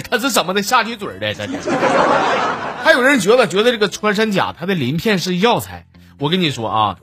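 A man's voice: sits high, a bit bright, slightly rough. A man with a Northeastern Mandarin accent hosting a radio comedy show, telling jokes in a chatty way and laughing at his own punchlines. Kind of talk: joke-telling monologue. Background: background music.

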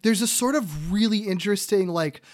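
A man's voice: high voice, animated, a little fast. A man co-hosting a casual recap podcast, talking in an enthusiastic, giggly way. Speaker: podcast co-host. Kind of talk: casual episode recap chat.

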